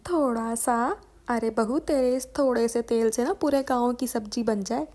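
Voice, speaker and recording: Woman doing a grumbling older mother-in-law, scolding, fairly high voice, cartoon. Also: measured pace. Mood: shouting. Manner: scolding, complaining loudly. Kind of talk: cartoon voice acting.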